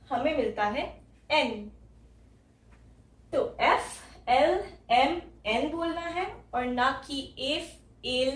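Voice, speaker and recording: A woman from India teaching English letter sounds, patiently repeating each sound step by step. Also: high-pitched. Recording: echoey room, voice from a distance.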